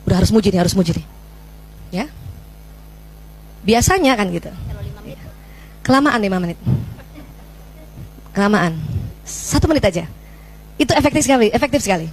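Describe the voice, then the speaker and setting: Seorang perempuan paruh baya memberi ceramah parenting Islami kepada para ibu, bercerita dan memerankan percakapan dengan anaknya secara hidup. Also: female voice, mid-range voice, normal speed, pauses often, slight background noise. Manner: animated, acts out scenes with her child, addresses audience as Bu. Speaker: parenting speaker. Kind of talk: lively Islamic parenting talk to mothers.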